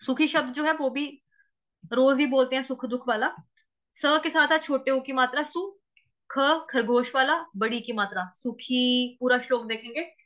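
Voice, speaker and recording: A woman with a high, bright voice teaches Sanskrit recitation. She stretches each chanted word out very slowly, then breaks it down letter by letter. The recording sounds a little dull and lo-fi. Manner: chants verse words very slowly and drawn out, then explains quickly; spells out letters and vowel marks one by one. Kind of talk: slow syllable-by-syllable chanting lesson.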